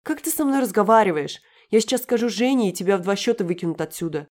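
A woman's voice: mid-range voice, animated, quick pace, a little mellow, voice pushed up, lightly acted. A woman reading an audiobook, voicing a spoiled, hot-tempered young woman who shrieks indignantly. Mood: shrieking.

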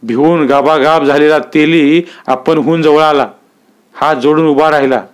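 A man reading a literary story aloud with steady, vivid narration. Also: a little high, measured pace.

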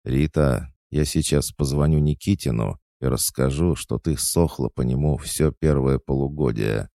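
A man's voice: a bass voice, moderate pace, gravelly, dark tone, dry recording, clean studio sound. A man voicing a cold, commanding young noblewoman, an elder sister, in an audiobook, with a somewhat lifted voice. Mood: cold threatening. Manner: cold, threatening.

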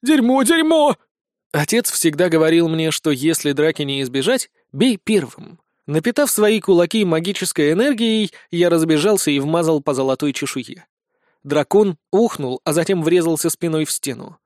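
A man narrating a comic fantasy audiobook with lively, brisk storytelling. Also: on the high side, dry recording, clean studio sound.

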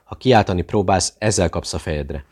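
A hard, threatening interrogator leans in close with hissed demands, as a man reads him out. The voice sits low and stays cold. It belongs to a tense audiobook thriller. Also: darkish tone, husky. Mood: menacing. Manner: menacing, hissing threats.

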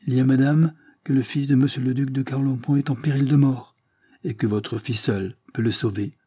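A man's voice: steady tone, fairly quick, slightly rough, dry recording, studio quality, lightly acted. A man reading an audiobook, voicing a devoted elderly peasant nursemaid who speaks earnestly and urgently. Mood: pleading. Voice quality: raised pitch, forceful. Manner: earnest and pleading.

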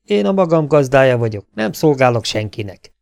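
A man's voice: mid-range voice, sing-song, creaky, a little mellow, dry recording, voice pushed up. A man voicing a proud, self-assured young male rancher in an audiobook. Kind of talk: audiobook dialogue.

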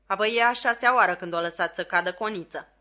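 A woman reading an audiobook aloud and voicing a bustling, scolding young nursemaid who exclaims loudly. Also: mid-range voice, close to an everyday voice.

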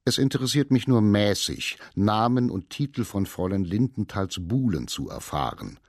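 A man voicing a cold, haughty male actor who speaks slowly, quietly and cuttingly in a radio reading. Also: on the low side, animated, dry recording, clean studio sound. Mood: icy.

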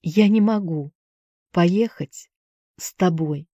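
A guilt-ridden young wife in an audiobook speaks in halting, faltering phrases, as a woman narrator voices her. Her voice is dark and mellow, recorded dry and close. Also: mid-range voice, dry recording, dull audio, natural voice. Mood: distraught.

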